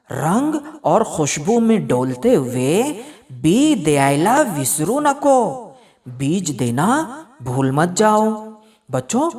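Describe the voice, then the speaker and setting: A woman from India teaching a recorded lesson to children, reading a poem line by line and then explaining it. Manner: sing-song, slow recitation with lively pitch.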